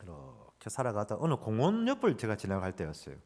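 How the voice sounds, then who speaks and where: A male pastor preaches in a church sanctuary, telling a story with lively, wide-ranging inflection. His voice rings with the long reverb of the hall, and he acts out the quoted lines as he goes. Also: fairly low pitch, brisk. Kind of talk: sermon with personal story.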